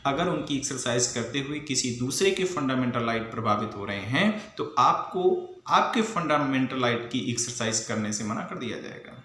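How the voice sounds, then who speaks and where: An Indian man teaches civil service exam students in an emphatic, didactic lecture, asking rhetorical questions and sprinkling in English legal terms. His mid-range voice is animated, pushed and bright, moving at normal speed with hardly any pauses. The room is echoey, with faint background noise.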